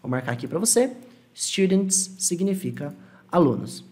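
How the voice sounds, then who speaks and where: Animated Brazilian man teaching English. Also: high voice. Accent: Brazilian Portuguese. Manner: explains patiently, slows down to model English phrases. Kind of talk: online language lesson.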